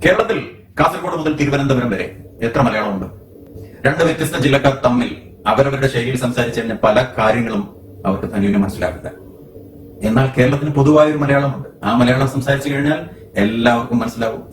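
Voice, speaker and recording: A man's voice: mid-range voice, a little hiss or hum. Echoey, distant male language teacher. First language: Malayalam. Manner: slow, deliberate demonstration of sounds. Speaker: English pronunciation teacher. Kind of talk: explanatory lesson. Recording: roomy echo, voice from off the mic.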